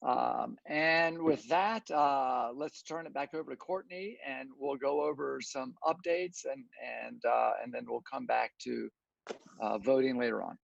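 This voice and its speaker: A man chairing a virtual public meeting, reading a formal resolution in a flat, even tone. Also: medium pitch, a little slow, gravelly, no echo. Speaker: commission chairman. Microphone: video call. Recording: dull dry lo-fi video call audio.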